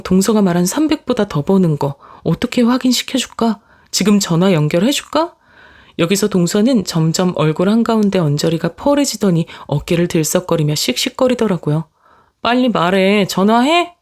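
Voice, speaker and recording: A woman narrating a dramatized family story in the first person, talking in a sharp, cutting, sarcastic way. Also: medium pitch, expressive, brisk.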